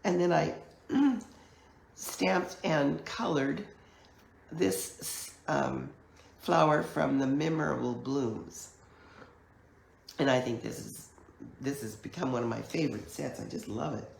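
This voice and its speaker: A woman with a croaky, hoarse voice from a chest cold, giving a chatty, step-by-step live online card-making class at her craft table. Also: very deep voice, darkish tone, slight background noise. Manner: chatty, unhurried step-by-step explaining. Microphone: camera mic at a craft table. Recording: echoey room.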